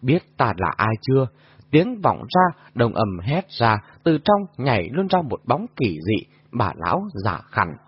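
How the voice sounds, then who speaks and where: Animated husky male storyteller. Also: medium pitch, unhurried, hardly any pauses, no room sound. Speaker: audiobook narrator. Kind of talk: dramatic martial-arts novel narration. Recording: dull lo-fi audio.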